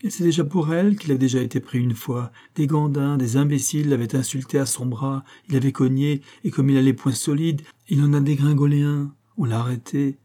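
A man's voice: mid-range voice, steady tone, fairly quick, hardly any pauses, dark tone, voice pushed up, lightly acted. A man voicing a small, sweet-voiced young woman who speaks earnestly and with emphasis in an audiobook. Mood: pleading insistent.

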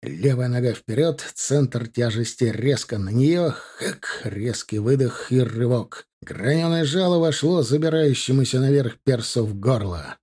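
Dark-voiced male audiobook narrator. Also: mid-range voice, expressive, unhurried, few pauses, husky. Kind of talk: scripted narration.

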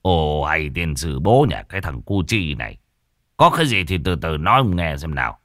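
A man doing a gruff old village patriarch. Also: a bass voice, very animated, normal speed, a bit bright, no echo, studio quality, pitched below the performer's own voice, exaggerated voice. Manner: gruff, easygoing, cursing.

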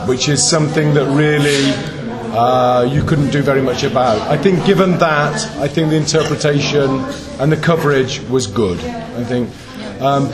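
Hesitant English man, crowd around. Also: medium pitch. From England. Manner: hesitant, thinking aloud with many ums. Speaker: conference interpreter. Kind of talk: group discussion.

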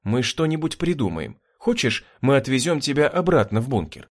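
A man voicing a compassionate young woman who is caring but sharp. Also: medium pitch, very animated, normal speed, pitched above the performer's own voice.

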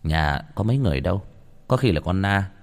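A man voicing a composed young gentleman in a ghost story. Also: deep voice, expressive, a little fast, creaky, long reverb tail. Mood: calm. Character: calm young gentleman turned frantic with grief.

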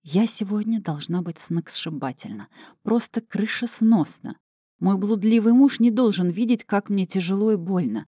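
A woman's voice: mid-range voice, animated, normal speed, warm tone, slightly rough, no room sound, studio quality. A woman narrating a first-person novel as an audiobook, with an emotional, emphatic delivery.

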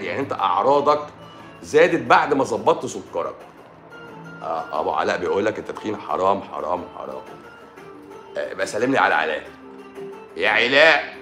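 Egyptian man, doctor on a live stream, sore throat, lively and sarcastic banter, echoey room. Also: mid-range voice. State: sore throat and swollen eye. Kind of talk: casual live-stream chat answering comments.

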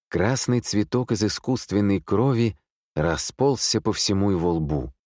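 A man narrating an audiobook thriller in a steady, suspenseful reading. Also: sits low, dry recording, clean studio sound. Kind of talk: scripted narration.

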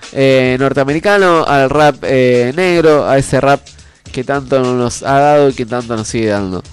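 A man's voice: medium pitch, clear, resonant tone. A man with an Argentine accent and a nasal voice stuffed up by a cold, hosting a community radio show in a conversational, earnest way. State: congested with a cold. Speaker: radio host. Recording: music playing under the voice.

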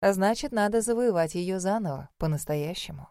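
A woman reads an audiobook in a measured, expressive way at a middle pitch. The recording is close and completely dry. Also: dry recording. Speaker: audiobook narrator. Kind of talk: scripted narration.

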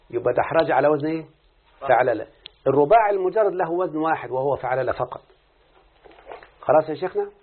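A man's voice: a little high, breathy edge. A man with an Egyptian accent teaching an Arabic morphology lesson, constantly quizzing his student with questions. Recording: phone-like lo-fi audio.

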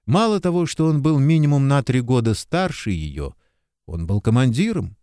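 Expressive male audiobook narrator. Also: mid-range voice, no room sound, studio quality. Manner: expressive, measured storytelling. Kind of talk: scripted narration.

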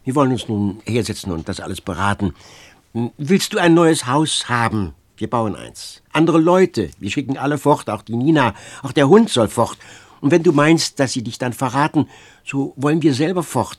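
A man's voice: medium pitch, big pitch swings, moderate pace, breathy edge. A man doing a desperate young woman, Fenice. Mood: pleading. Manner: pleading, rising into loud outbursts. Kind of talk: audiobook reading.

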